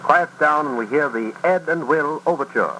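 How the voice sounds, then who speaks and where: A man announcing a concert broadcast in the formal, measured manner of a 1950s radio announcer. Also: fairly high pitch, heavy background noise.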